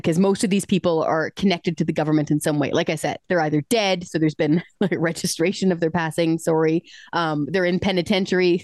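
A woman's voice: on the low side, a little mellow, dry recording, studio quality. A Canadian woman hosting a radio talk show, asking questions in an incredulous, exasperated way. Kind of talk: casual radio interview.

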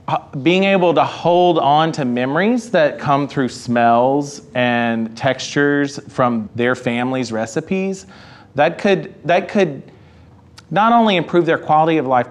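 A man speaking on a panel discussion in a casual, animated way, often saying "like" and "right.". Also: medium pitch. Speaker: researcher.

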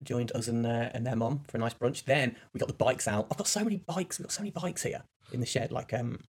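Male podcast co-host, 30s, eager, chatty, very rapid. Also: mid-range voice, breathy edge. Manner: eager, chatty, laughs along. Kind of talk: casual chat.

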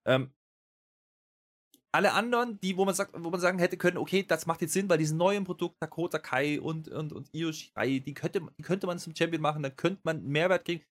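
A man's voice: fairly high pitch, brisk. A man chatting casually on a wrestling podcast, rambling with lots of fillers and restarts and getting worked up as he goes. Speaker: podcast co-host.

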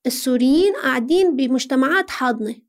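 High-pitched Syrian woman explaining earnestly. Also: animated, quick pace. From Syria, Aleppo. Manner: earnest, explanatory, with rhetorical questions. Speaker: interview guest. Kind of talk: conversational interview, explaining.

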